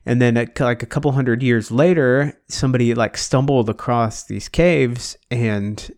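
A man chats loosely on a podcast. His voice is gravelly, with some vocal fry, and sits at a middling pitch. He wanders through his points, musing and restarting as he goes. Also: steady tone, unhurried, darkish tone. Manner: rambling, musing, full of "like" and restarts. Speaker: podcast co-host. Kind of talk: casual chat.

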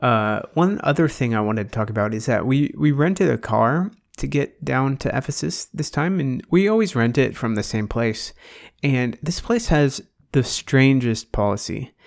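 A man's voice: mid-range voice, animated, normal speed, vocal fry. A man co-hosting a podcast in casual chat. He rambles and muses aloud, restarting often and filling his talk with "like.". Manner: rambling, musing, full of "like" and restarts. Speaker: podcast co-host.

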